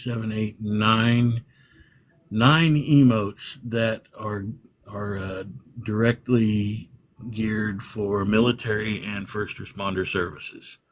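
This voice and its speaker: A man with a fairly low voice talks through his setup in a loose, meandering interview chat. He keeps circling back and restarting his thoughts as he explains things. It sounds like an easygoing conversation. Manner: rambling explanations, frequent restarts. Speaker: livestream room owner, guest.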